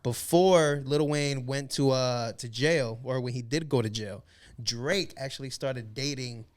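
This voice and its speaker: A man's voice: medium pitch, measured pace. Chatty laughing man on a podcast. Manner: laughing, chatty, full of fillers like "you know what I'm saying". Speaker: podcast co-host. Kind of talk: casual chat.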